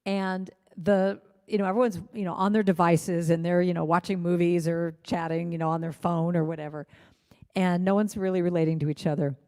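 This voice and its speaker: A woman's voice: on the low side, steady tone, a little fast, a little mellow. A woman minister telling stories in a conversational sermon, peppered with "you know" fillers. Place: church livestream. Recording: echoey hall with faint music.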